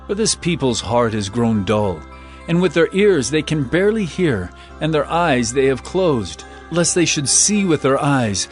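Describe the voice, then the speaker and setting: An actor with a voice on the high side portrays an earnest male teacher of parables in a dramatized reading of scripture, delivering lines with measured, emphatic, declamatory phrasing.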